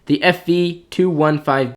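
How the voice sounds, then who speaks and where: A man's voice: a little high, steady tone, measured pace. Blunt man ranking game tanks. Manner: blunt, opinionated, thinking aloud. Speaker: clan commander ranking tanks. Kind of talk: casual gaming commentary.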